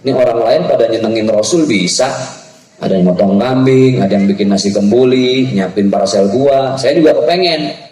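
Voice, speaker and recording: A man preaching, voicing a humble, sincere male street ice vendor, in a soft, earnest way. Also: mid-range voice, moderate pace, pitched below the performer's own voice, lightly acted. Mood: musing. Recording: echoey hall through a PA.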